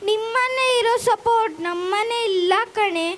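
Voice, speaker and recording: A woman's voice: very high voice, normal speed, fairly bright tone, slight background noise. A girl playing an anxious teenage daughter who pleads with her father in a school drama. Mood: tearful. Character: anxious teenage daughter pressured to study medicine. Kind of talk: amateur school stage drama.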